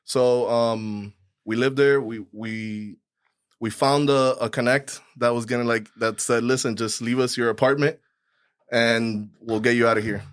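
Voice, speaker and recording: A man from Cuba in his thirties, talking as a podcast guest. He rambles through his story in a loose, relaxed way, full of fillers and restarts. His voice sits at an ordinary middle pitch and the studio sound is dry and close. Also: measured pace, clean tone, no echo. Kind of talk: casual storytelling.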